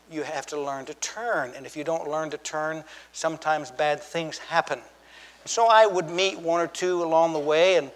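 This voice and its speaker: Male pastor, folksy joking sermon delivery, slightly high voice, long church reverb. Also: fairly bright tone. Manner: folksy, joking storyteller with repeated restarts.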